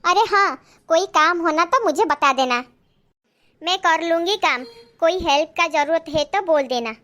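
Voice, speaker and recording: एक महिला द्वारा निभाई गई थकी-हारी, चिड़चिड़ी बहू, जो बहुत ऊँची आवाज़ में तीखे ताने मारती है।. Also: female voice, very high-pitched, normal speed, pushed and bright. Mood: curt. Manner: snappy, sarcastic. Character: overworked, short-tempered young wife. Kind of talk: comedy skit acting.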